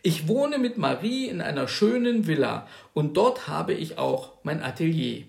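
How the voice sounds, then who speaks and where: A man voicing a calm young woman, an art student and mother, who answers briefly and matter-of-factly. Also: on the high side, measured pace, creaky, roomy sound, exaggerated voice.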